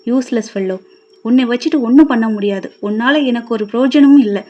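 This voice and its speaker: A woman voicing a short-tempered, scornful husband who shouts sharp insults. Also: on the high side, brisk, close to an everyday voice. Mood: angry scolding. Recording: dull lo-fi recording.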